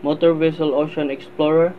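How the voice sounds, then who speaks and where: A man's voice: on the high side, flat delivery, a little fast. A man playing a formal vessel traffic service operator in a scripted marine radio exchange, with procedural phrasing. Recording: tinny band-limited radio sound, faint noise.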